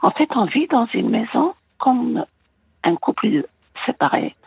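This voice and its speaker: Caller, woman, 60s, faint American accent, raspy and halting, dry, phone-quality sound. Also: fairly high pitch, very animated, no echo. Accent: slight American. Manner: hesitant, many fillers. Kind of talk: radio call-in confiding. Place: home in the United States. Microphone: phone line. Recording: tinny phone line.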